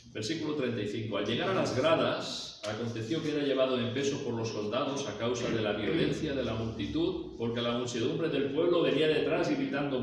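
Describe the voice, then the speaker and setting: A man preaching a sermon in a church, reading scripture aloud and explaining it with rhetorical questions. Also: medium pitch. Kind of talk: expository sermon. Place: church hall. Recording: echoey hall, mic far off, faint background noise.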